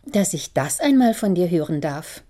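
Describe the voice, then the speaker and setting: A woman's voice: on the low side, very animated, moderate pace. A woman voicing a spirited, defiant young daughter who has caught a cold, answering back sharply. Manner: sharp, challenging retorts.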